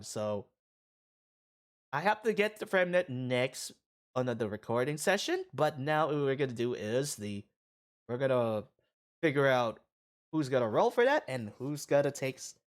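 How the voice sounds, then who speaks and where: Man, gaming streamer, morning voice, unhurried, pitch swinging up and down, halting, rambling. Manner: halting, rambling, excited bursts. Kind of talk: casual gacha-roll commentary.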